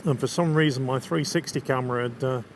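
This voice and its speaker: Here a fast-talking Lancashire man with a mid-range voice vlogs from his motorbike somewhere in England. Riding outdoors, he keeps up casual, enthusiastic chatter about the scenery and his bike. Wind, road and vehicle noise never let up.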